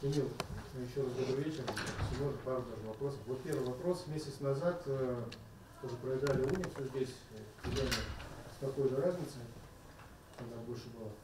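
A man asks a journalist's long, polite questions from the floor of a press conference. He sounds far from the microphone in a very echoey room. Clear background noise sits under his voice. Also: mid-range voice, a little fast. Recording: distant, echoey room mic.

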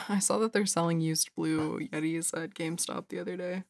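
A woman's voice: on the low side, steady tone, normal speed, no echo. A woman co-hosting a podcast in casual chat, with a teasing, dry manner. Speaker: podcast co-host.

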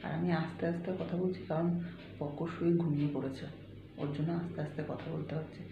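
A woman's voice: deep voice, fairly even intonation, fast, phone-quality sound, background noise. Chatty woman vlogging in an echoey kitchen. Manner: chatty, addresses viewers directly. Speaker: family vlogger. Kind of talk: casual cooking vlog. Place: home kitchen.

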